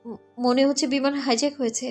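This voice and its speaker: A woman voicing a sharp, scolding young passenger. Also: sits high, level tone, fast, soft background music.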